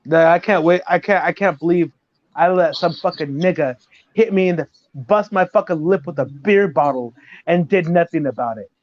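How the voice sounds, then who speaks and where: A man chatting casually and telling stories in an animated way, full of swearing. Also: a little high, normal speed, dry recording. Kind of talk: casual chat. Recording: dull lo-fi sound.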